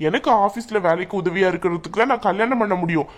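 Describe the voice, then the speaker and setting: An angry young married man from a cartoon, voiced by a woman. His voice sits in an ordinary middle register. He talks in a demanding, accusing way and is quick to shout. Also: mid-range voice, close to an everyday voice. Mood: furious. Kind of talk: cartoon voice acting.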